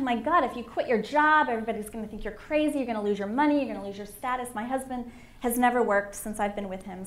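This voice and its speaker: Woman, middle-aged, candid and emphatic, keynote talk, fairly high voice, roomy hall echo. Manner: candid and animated, with emphatic swells. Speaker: conference speaker. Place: conference hall. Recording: echoey hall with faint room noise.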